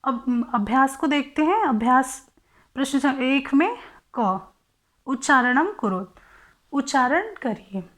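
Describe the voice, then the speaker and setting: Woman, Sanskrit teacher, high voice, unhurried delivery, methodical recitation of word forms, asks and answers her own questions. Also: expressive, fairly bright tone. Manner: methodical, recites word forms one by one and explains each in Hindi; asks questions aloud then answers them herself. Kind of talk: exam-prep textbook lesson.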